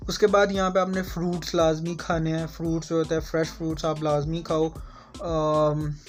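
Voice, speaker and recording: A man's voice: a little high, little pitch movement, moderate pace, soft background music. A man with a Pakistani accent talks through everyday advice in a casual, rambling vlog. He repeats himself often and drifts into asides. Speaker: vlogger.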